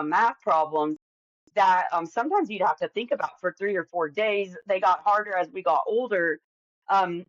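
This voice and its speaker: Candid woman with a low, dull-toned voice. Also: no room sound. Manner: candid, rambling, many fillers and restarts. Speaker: podcast guest. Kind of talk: casual interview conversation.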